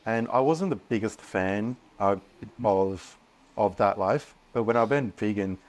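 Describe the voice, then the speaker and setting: A young man speaking as a podcast guest, earnest and animated, often restarting his sentences. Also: on the low side, unhurried. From Australia. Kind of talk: casual podcast interview.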